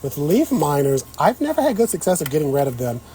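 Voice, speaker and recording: A man with a fairly high, mellow voice talks briskly, his pitch swinging widely. He's hosting a casual gardening livestream from an outdoor patio, chatting with viewers as he works the soil.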